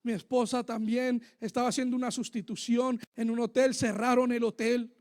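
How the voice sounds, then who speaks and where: High-voiced man preaching fervently. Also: level tone, moderate pace. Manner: fervent, emotional, swings loud and soft. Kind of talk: sermon with personal testimony. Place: church.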